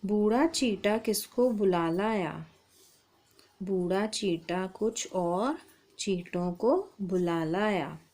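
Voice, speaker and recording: A woman teaching young children a Hindi lesson. She speaks slowly and patiently and says each sound and word on its own, at a middle pitch. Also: darkish tone. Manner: slow, patient, spells out sounds.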